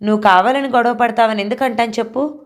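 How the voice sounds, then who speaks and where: Woman reading as a gentle concerned young man. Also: fairly high pitch, steady tone, fast, voice pushed up, lightly acted. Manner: soft, concerned.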